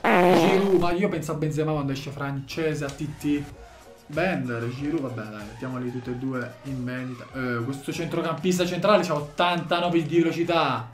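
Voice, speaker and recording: Man, gaming commentary, excitable then muttering, roomy echo, music in the background. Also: fairly high pitch, normal speed. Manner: swings from shouted excitement to muttering. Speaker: gaming YouTuber opening packs.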